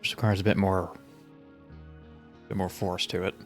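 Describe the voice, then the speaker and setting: A man with a deep voice comments casually on a game he is streaming. His manner is dry and wry, and faint music plays behind him. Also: flat delivery, normal speed.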